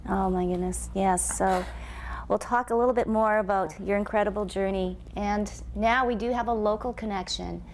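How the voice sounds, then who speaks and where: A woman's voice: medium pitch, fairly even intonation, normal speed, a little hiss or hum. A woman hosting a TV studio interview, asking encouraging questions. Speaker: TV host.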